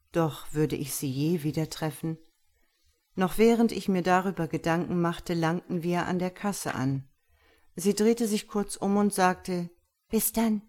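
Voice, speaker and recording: A woman narrates a story from a script in a calm, even manner. Her voice sits fairly low for a woman. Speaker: audiobook narrator.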